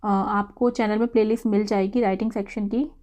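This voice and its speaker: A woman, an English teacher going through exam quiz answers, who reads each English question slowly and then explains it in Hindi. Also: medium pitch, fairly even intonation, warm tone.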